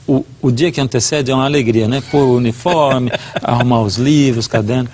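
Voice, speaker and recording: A man's voice: medium pitch, fairly even intonation, fairly quick, a little mellow, slight background noise. A middle-aged man, a guest preacher, giving a devotional talk and telling a personal story earnestly, acting out the dialogue.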